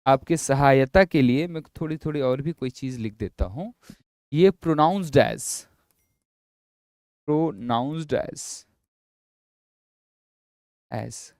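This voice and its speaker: A man teaching physics in a classroom lecture. He explains slowly and repeats himself, coaxing his students along. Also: fairly high pitch, no room sound, studio quality. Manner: drawn-out, repetitive explaining, coaxing students with "yaar" and "bhai".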